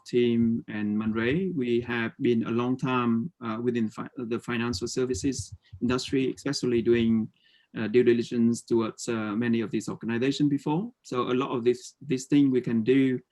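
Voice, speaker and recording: A man in his forties from Vietnam pitches his startup on a video call from a home room with a slanted ceiling, speaking with a Vietnamese accent. His mid-range voice has a darkish tone, and he sounds hesitant, with many fillers and restarts.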